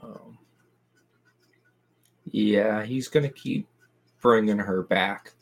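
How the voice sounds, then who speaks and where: A man playing a tabletop game, slowly describing what his character does. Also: lowish voice. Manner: slow, halting narration of actions. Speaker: player.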